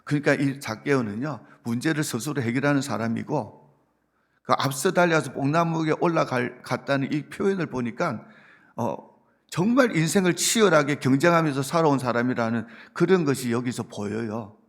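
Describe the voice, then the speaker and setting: A man's voice: mid-range voice, animated, moderate pace. A male pastor, preaching a sermon earnestly and rising to emphatic points. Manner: earnest preaching, quoting Jesus gently, building to emphatic points.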